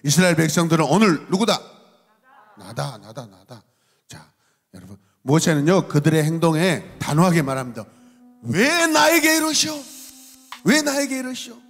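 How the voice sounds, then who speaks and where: A man's voice: a little high, long reverb tail. A male pastor preaching a youth sermon, teasing and playful, acting out little voices. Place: church sanctuary.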